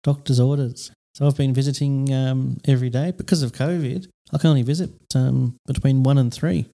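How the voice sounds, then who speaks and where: Gravelly-voiced man, co-hosting a podcast. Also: medium pitch, fairly quick. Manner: relaxed, hesitant with many fillers. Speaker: podcast co-host. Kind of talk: casual podcast chat. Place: small studio. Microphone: studio microphone.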